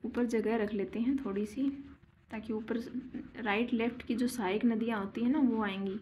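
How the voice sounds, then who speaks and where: A woman teaching a geography lesson, slowly repeating key names and quizzing her students with questions as she draws on a board. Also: on the high side, steady tone, a little mellow, slight background noise. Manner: slow and deliberate, drawing on a board while explaining.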